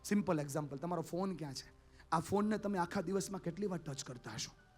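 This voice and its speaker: A man's voice: on the high side, fast, soft background music. A man giving an impassioned live motivational speech at a school event, often addressing the audience directly and acting out story characters. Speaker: motivational speaker.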